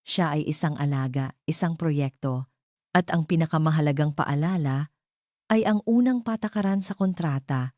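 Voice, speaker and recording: A woman with a Filipino accent narrates a scripted, dramatic story in a deep, darkish voice at normal speed. The recording is clean studio sound with no room noise.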